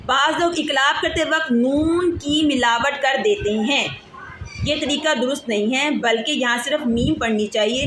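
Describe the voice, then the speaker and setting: A woman from Pakistan teaching a one-on-one tajweed lesson, patiently asking questions and stretching out syllables to demonstrate. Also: high voice. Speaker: Quran recitation teacher. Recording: echoey room with clear background noise.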